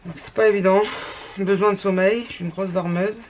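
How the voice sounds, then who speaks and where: A woman's voice: mid-range voice, fairly even intonation, brisk, a little mellow, a little hiss or hum. A woman with a northern French ch'ti accent chatting through a craft tutorial, rambling with many restarts. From northern France. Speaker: scrapbooking YouTuber. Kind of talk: casual craft tutorial chat.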